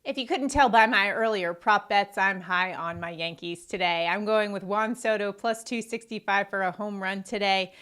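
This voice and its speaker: A woman's voice: mid-range voice, fairly even intonation, moderate pace, few pauses, fairly bright tone, smooth. A woman co-hosting a sports betting show, running through baseball stats and picks in an upbeat, stat-heavy delivery.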